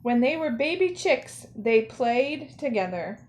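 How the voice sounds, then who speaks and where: Reading a picture book to children, this woman, a storyteller and zoo educator, speaks in a somewhat high voice. She takes it slowly and phrases expressively, placing each line with care for her young audience.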